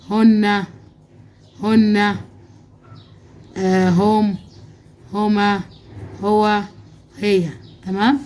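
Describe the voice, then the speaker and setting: A woman's voice: mid-range voice, a little mellow. A woman with an Egyptian accent teaching a primary school Arabic lesson from a worksheet, patiently checking in with her students as she goes. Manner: patient, checks in with "okay?" often.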